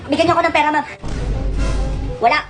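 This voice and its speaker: A woman in comic family skits, talking in a quick, scolding, exasperated way. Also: high-pitched, steady tone. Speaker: comedy skit creator. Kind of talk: comic skits playing several family roles. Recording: skit clip with loud music behind.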